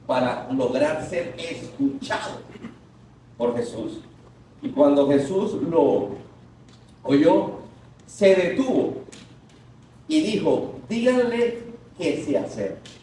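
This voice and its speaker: A high-voiced man delivers a sermon from a distance. His words ring out through a very echoey church hall. He leads the congregation in call-and-response and lets some lines burst into shouts. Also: expressive, slow, long pauses, slight background noise. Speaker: pastor. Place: large echoing church hall.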